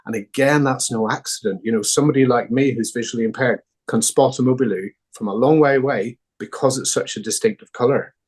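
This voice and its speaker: A man's voice: medium pitch, brisk, few pauses, breathy edge. A man with a Northern Irish accent, a founding director answering interview questions thoughtfully, with hesitant fillers. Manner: thoughtful, many fillers and restarts.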